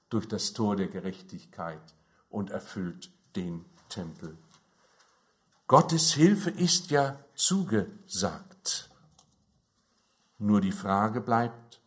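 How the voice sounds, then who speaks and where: A man preaching a sermon, slow and emphatic, his fervor rising on key phrases. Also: on the low side.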